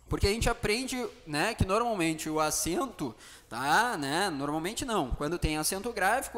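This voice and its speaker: A male teacher giving an exam-prep grammar lecture in a high, bright-sounding voice. He keeps the class engaged, punctuating points with quick checks for understanding. His voice carries a long reverb tail, as if in a reverberant classroom. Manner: animated, keeps checking in with tag questions.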